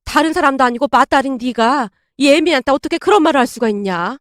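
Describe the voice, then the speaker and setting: A woman's voice: high voice, animated, normal speed, no echo, studio quality. A woman voicing an elderly widowed grandmother who speaks with indignant, old-fashioned phrasing. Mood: aggrieved.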